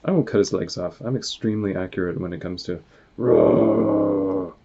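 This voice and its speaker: A self-assured moose superhero from a picture book, as a man puts him on. The voice is deep and low, steady and matter-of-fact. It is a dull, lo-fi recording. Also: fast talker. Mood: confident. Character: confident male moose superhero with laser eyes.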